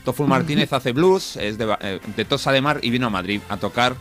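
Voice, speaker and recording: A man, speaking into a studio mic as a radio co-host. He tells a story and acts out the voices in it, shifting his tone with each bit. His pitch is medium and faint music plays underneath. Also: a little fast, a bit bright. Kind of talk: casual radio banter, telling an anecdote. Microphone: studio microphone.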